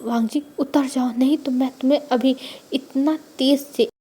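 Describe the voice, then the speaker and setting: An exasperated, emotional young man who sighs "aah" before he snaps, as a woman reading a storybook puts him on. The voice sits high and mellow, the way a storyteller voices a man. He runs from tender and tired to fed up. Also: steady tone, normal speed, slightly rough. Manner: pleading then snapping, sighing "aah".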